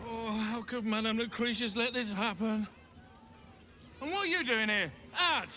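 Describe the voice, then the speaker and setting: An actor playing a fussy, indignant circus worker in a video game. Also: male voice, very high voice, normal speed, bright, forceful tone, a little hiss or hum, exaggerated voice.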